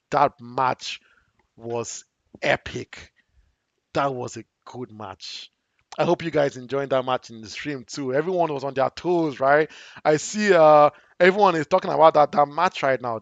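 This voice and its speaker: Young man, game commentator, high-pitched voice, gravelly, excitable, a bit hoarse. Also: dry recording, muffled recording. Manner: excitable, bursts into shouts at big plays. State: hoarse from long talking. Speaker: esports commentator and stream host. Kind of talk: solo live game commentary.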